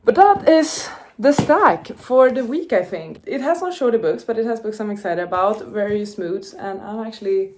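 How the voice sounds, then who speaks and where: Speaking casually to camera, a young woman whose first language is Czech talks books in an upbeat vlog, using fillers and correcting herself. She has a mid-range, animated voice at a moderate pace, hardly pausing.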